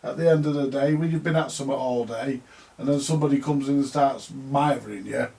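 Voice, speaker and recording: A vintage radio repairer hosts his video with a gravelly, mellow, medium-pitched voice at a fairly quick pace. His talk is loose, rambling vlog chatter, colloquial and friendly, sprinkled with tag questions.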